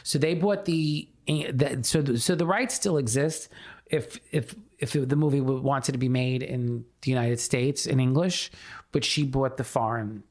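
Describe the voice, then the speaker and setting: A man as an interview guest, telling his story in a casual, animated way and often restarting his sentences. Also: mid-range voice, measured pace. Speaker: theater producer and playwright guest.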